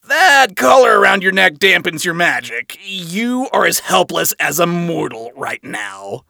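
A man's voice: very high-pitched, lively intonation, takes it slowly, vocal fry, no room sound, clean studio sound, pitched above the performer's own voice, full character voice. A man doing a brash, bellowing archangel commander. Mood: smug. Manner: shouting, swaggering, profane.

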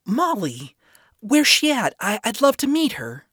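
A man voicing a gentle young woman counselor. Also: a little high, big pitch swings, slow, husky, no echo, studio quality, pitched above the performer's own voice, heavily acted. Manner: soft, careful questioning. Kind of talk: fan fiction reading.

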